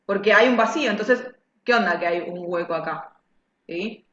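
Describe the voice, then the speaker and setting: A woman's voice: medium pitch, normal speed, a bit bright. A woman teaching music, explaining patiently and checking the class follows. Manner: patient, explanatory, asks "¿sí?" often. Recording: echoey, dull lo-fi sound.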